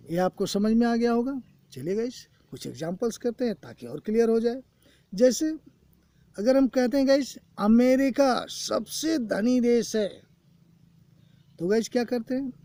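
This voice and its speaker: A man teaching an English grammar lesson, explaining slowly and repeating points, often calling his students "guys". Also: extremely high pitch, mellow, dry recording. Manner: slow, repetitive explanations, keeps saying "guys". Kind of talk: recorded classroom lesson. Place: coaching classroom.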